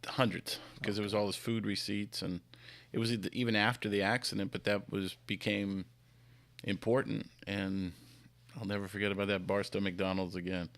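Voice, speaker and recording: Gravelly, flat-voiced male lawyer. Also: fairly low pitch, moderate pace, no echo. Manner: storytelling. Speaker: defense trial lawyer. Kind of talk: panel podcast anecdote.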